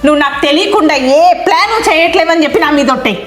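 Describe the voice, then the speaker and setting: High, fast-talking woman in comedy skits. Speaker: wife in comedy sketches. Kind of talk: scripted comedy skit. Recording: echoey room with music behind.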